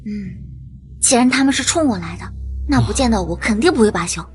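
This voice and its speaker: A woman's voice: a little high, lively intonation, a little fast, faint music behind, lightly acted. A woman playing a confident young bride. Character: young bride, clever and self-assured.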